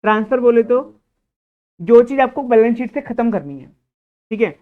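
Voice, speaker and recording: A man's voice: extremely high pitch, lively intonation, normal speed. A man teaching an accounting class, who poses questions and answers them himself. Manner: explains by asking and answering his own questions; scolds a student. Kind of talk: classroom lecture. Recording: tinny, phone-like lecture recording.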